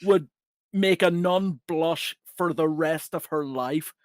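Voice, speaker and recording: London male co-host, high-pitched, dry close-mic sound, sarcastic banter. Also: takes it slowly, no room sound. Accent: London English. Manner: sarcastic, swears freely. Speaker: podcast co-host. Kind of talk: casual chat.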